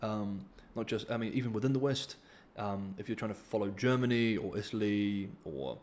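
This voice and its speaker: A man from New Zealand hosts a casual livestream Q&A, reading donor comments hesitantly with lots of ums and restarts. His voice is lowish and a little mellow at a moderate pace, with slight background noise.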